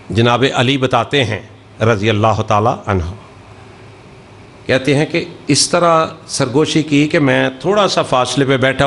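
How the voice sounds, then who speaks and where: Forceful Punjabi-accented preacher, impassioned. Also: male voice, medium pitch. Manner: swells from hushed storytelling to loud, drawn-out preaching. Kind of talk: impassioned storytelling sermon.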